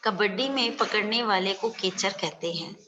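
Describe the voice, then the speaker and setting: Woman teacher explaining slowly, in a reverberant room. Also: medium pitch, background noise. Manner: explains word meanings slowly, with repeated questions. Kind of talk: online class lesson. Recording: dull audio with long reverb.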